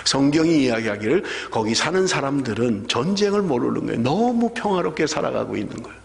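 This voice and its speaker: A male pastor preaching a sermon in a church sanctuary, animated and full of rhetorical questions to the congregation. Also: medium pitch, a little fast, creaky. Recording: long church hall reverb.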